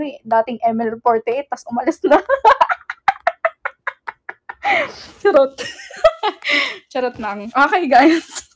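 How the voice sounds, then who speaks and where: High-voiced young woman teasing her viewers. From Philippines. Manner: playful teasing, code-switching with English, frequent laughter. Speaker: idol livestream host. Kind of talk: casual livestream chat with viewers.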